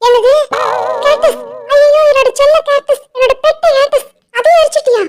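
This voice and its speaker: A woman voicing an excitable young female bird in a cartoon, fussy and wailing over her pet plant. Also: very high-pitched, moderate pace, music in the background, poor audio. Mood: panicked. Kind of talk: cartoon voice acting.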